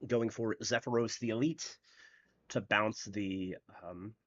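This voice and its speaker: Low-voiced man casually commentating a card game. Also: steady tone, slow pace, muffled recording. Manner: rambling, filler-heavy, explains plays as he goes. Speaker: tournament host and commentator. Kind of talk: casual live-stream commentary.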